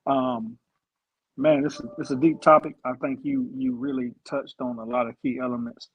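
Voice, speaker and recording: A man co-hosting a live online talk show, speaking in a relaxed, playful way. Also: medium pitch, a little fast, highs cut off, slight background noise. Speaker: co-host. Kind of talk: casual live-stream talk.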